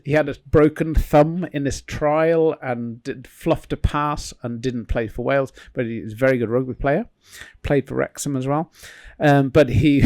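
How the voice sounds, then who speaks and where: A man's voice: medium pitch, a little mellow. A man, a former pilot, telling rambling anecdotes in a casual podcast chat.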